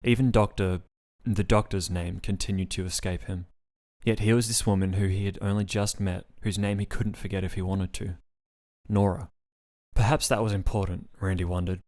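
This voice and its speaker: A man narrating his own written story in a steady, plain reading style. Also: deep voice, normal speed.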